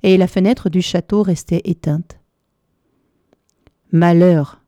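Female storyteller, mellow and measured, lilting delivery, dry booth sound. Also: medium pitch, lively intonation, no echo. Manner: measured, lilting, dramatic pauses. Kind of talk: storybook narration.

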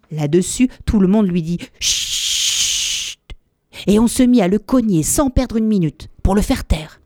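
A woman's voice: medium pitch, dry recording, studio quality. Woman reading a storybook aloud. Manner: lively and expressive, changing voices for each animal. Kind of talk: expressive storybook narration.

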